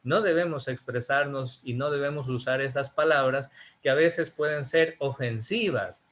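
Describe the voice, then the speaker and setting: A man's voice: medium pitch, moderate pace, a bit bright. A man from Ecuador, teaching an online class over a video call and speaking emphatically, putting rhetorical questions to his students.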